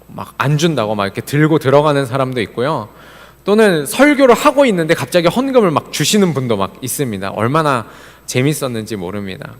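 A male pastor delivering a sermon in a church, telling a story and then urging his congregation with rising emphasis. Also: medium pitch. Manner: storytelling, building to emphatic exhortation. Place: church sanctuary. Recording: church sanctuary with long reverb.

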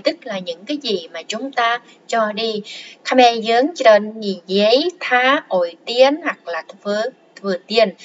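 A woman teaching a language lesson, explaining song lyrics word by word in a patient way and repeating each word slowly. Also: mid-range voice, lo-fi sound, a little hiss or hum. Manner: patient, repeats words slowly, many fillers.

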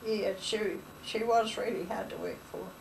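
A woman's voice: medium pitch, steady tone, normal speed, vocal fry. An older woman telling family stories in a rambling, chatty way, acting out old conversations. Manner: rambling, chatty, retells dialogue, laughs. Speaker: interviewee. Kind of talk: oral history storytelling. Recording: distant mic with faint hiss.

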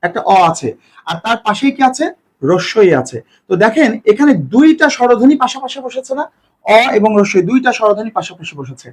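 Speaking in a high-sitting voice, a man teaches grammar to exam candidates. His step-by-step explanation is full of self-answered questions, and he lengthens example words slowly.

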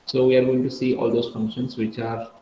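A man's voice: mid-range voice, level tone, fairly quick, reverberant, dull audio, a little hiss or hum. A man giving a methodical online class lecture, often repeating and correcting himself, heard through screen-recorded call audio.

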